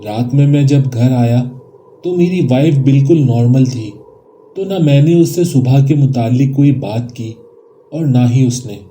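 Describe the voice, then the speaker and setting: A man reading a first-person horror story aloud in a calm, measured storytelling manner. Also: medium pitch.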